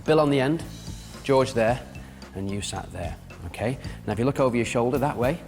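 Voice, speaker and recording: A man's voice: mid-range voice, animated, a little fast, a little mellow, in a large hall, faint music behind. A man hosting a TV prank show, chatty and jokey as he presents to camera.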